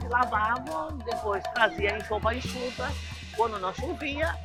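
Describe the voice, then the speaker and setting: An older woman with a Bahian Brazilian accent, reminiscing in a storytelling voice with varied intonation. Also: medium pitch. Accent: Bahian Brazilian Portuguese.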